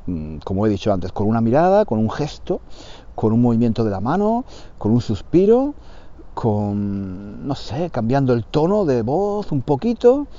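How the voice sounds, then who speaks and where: A man talks to language learners, repeating himself and checking in often. His voice is mellow and his pitch moves a lot. The recording sounds slightly dull and lo-fi. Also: measured pace. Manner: lively, repeats phrases, checks understanding. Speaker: Spanish teacher for learners. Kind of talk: casual opinion talk for learners.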